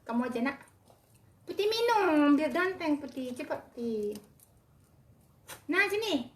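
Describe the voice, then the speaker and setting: A woman's voice: high voice, lively intonation, measured pace. A woman at home talking in a doting, coaxing baby-talk to her pets as she gives them medicine. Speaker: pet owner. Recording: echoey room.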